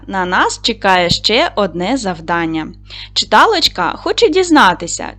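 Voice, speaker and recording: Woman teacher, lesson for little kids, asks and answers her own questions, lively rising and falling pitch. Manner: asks pupils questions and answers them herself, praising often. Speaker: primary school teacher. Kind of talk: recorded lesson for young children.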